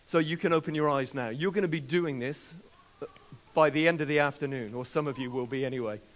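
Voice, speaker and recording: A man leading a live seminar, speaking in a lively, encouraging way and repeating what audience members call out. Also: on the high side, fairly quick. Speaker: workshop presenter.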